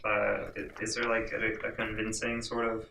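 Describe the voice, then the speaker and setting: Man, stammering tabletop player, bright voice, roomy echo, faint hiss. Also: fairly low pitch, completely flat delivery, normal speed, gravelly, far from the mic. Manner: hesitant, stammering, self-amused. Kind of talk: casual tabletop game play.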